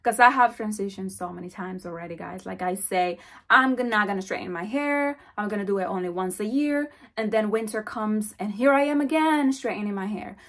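A young woman talks straight to the camera in her bedroom, answering viewer questions. Her delivery is chatty and animated, and her voice sits at an ordinary medium pitch. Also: fairly quick. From Dominican Republic. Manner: chatty, animated, gestures while talking. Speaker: hair vlogger. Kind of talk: casual Q&A vlog talk. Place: bedroom, indoors. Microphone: camera at close framing.

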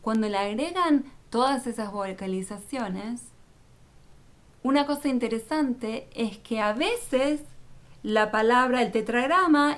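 Woman, religious teacher, patient explainer, unhurried delivery, slightly high voice. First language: Spanish speaker, not Hebrew. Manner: patient, addresses viewer directly.

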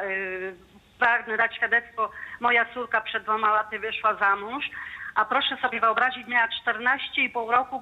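A woman in her fifties calling in to a radio show to give a fervent, devout testimony. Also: a little high. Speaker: caller. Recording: muffled phone line.

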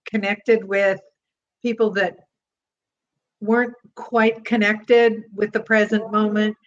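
A woman teaching laughter yoga in an interview, explaining calmly and bursting into demonstration laughs, speaking over a video call. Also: mid-range voice, slow, dull audio.

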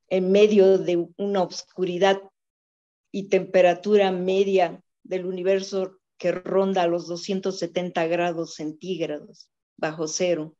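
Brief: middle-aged woman host, slow and measured, muffled call audio. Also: medium pitch, a little mellow. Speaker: gallery host and painter. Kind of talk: hosting an online exhibition opening. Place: home room. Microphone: video call, camera a few feet away. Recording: dull lo-fi video call audio.

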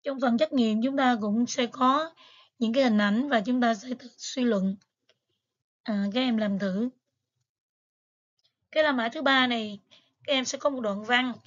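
A woman's voice: a little high, a little slow, pauses often, muffled recording. A woman teacher, patiently going over exam material step by step with frequent fillers. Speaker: English teacher. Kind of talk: exam review lesson.

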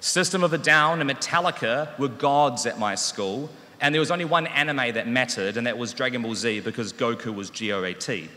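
The graduation speech comes fairly quickly, with hardly any pauses, from a thirty-something New Zealand teacher whose medium-pitched voice sounds pushed and bright. Wry, self-deprecating, and earnest, he speaks into a podium microphone on a stand while long reverb fills the large hall.

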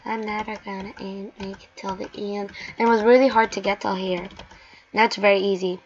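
A woman giving live gameplay commentary, excitable and talking to herself, chanting the same words over and over. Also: mid-range voice, brisk. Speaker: gaming channel host. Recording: dull lo-fi mic with faint hiss.

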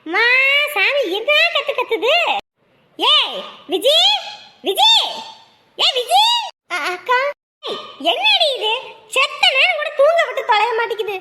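A woman's voice: very high-pitched, big pitch swings, normal speed, very noisy. An actress playing an irritable, spiteful woman who scolds and complains harshly. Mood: annoyed. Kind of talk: Tamil family drama acting.

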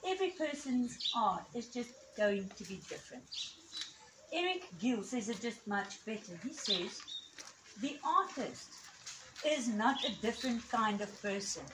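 A middle-aged woman with a high voice and a Namibian accent shaped by her native Afrikaans gives an informal speech. She projects outdoors with emphatic pauses, picked up from a few metres away amid loud background noise. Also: animated. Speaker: art teacher and event host. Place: outdoors on a porch before a garden audience. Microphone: camera a few metres away. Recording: noisy outdoor phone video with birdsong.

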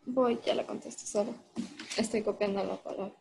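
A woman student in an online English class, answering hesitantly with pauses and fillers over a video call. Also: mid-range voice, steady tone, gravelly, a little mellow, a little hiss or hum, poor audio.

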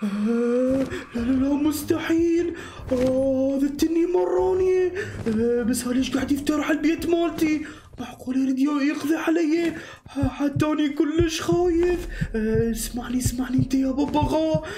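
A man with an Iraqi accent voicing an excitable young male hero in an animated game movie, talking breathlessly to himself. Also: very high-pitched, fairly quick, slight background noise. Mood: frightened. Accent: Iraqi Arabic. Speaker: voice actor and channel host. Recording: echoey room with background music.

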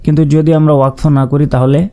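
Mellow, smooth-voiced Bangladeshi man teaching. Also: on the high side, level tone. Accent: Bangladeshi Bengali. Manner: slow, patient spelling out of letters and vowel marks, repeating each syllable. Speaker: Quran recitation teacher. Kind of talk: step-by-step recitation lesson.

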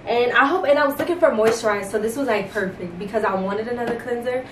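A woman's voice: fairly high pitch, fast talker, distant mic. An upbeat young woman talks casually about her beauty buys, dropping filler words as she goes. She sits back from the mic in a room with a lot of echo, and a faint hum runs underneath. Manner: chatty, upbeat, lots of "like" fillers. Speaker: beauty vlogger. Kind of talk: casual chat.

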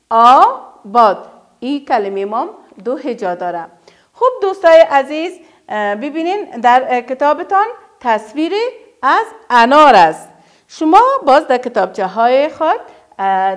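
A woman primary school teacher, her voice sitting high and her accent Afghan Dari, guides a first-grade reading lesson. She models words in a slow, drawn-out, emphatic way so the children can repeat them, praises often, and answers her own quick questions.

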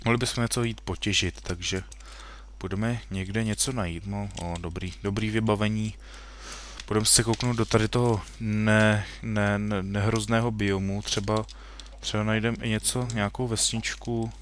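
A man's voice: on the low side, level tone, a little hiss or hum. Young man rambling through gameplay commentary. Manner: rambling, self-correcting, jokey asides to the game. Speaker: gaming video host. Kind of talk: casual Minecraft let's play commentary.

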